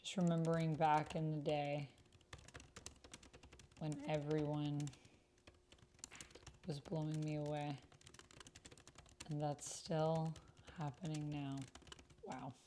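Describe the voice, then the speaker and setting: Typing and clicking fill this noisy recording as a video host, playing a solo roleplay, murmurs fragments of chat messages aloud while she types. She speaks slowly in a low, mellow voice with little pitch movement, leaving long pauses.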